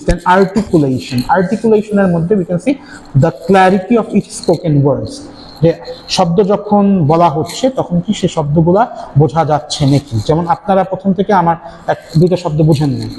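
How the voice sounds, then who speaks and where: In an echoey hall with a little background noise, a man lectures a university class in a dark-toned voice on the high side. He alternates between Bengali and English, frequently adding tag questions to check in with students.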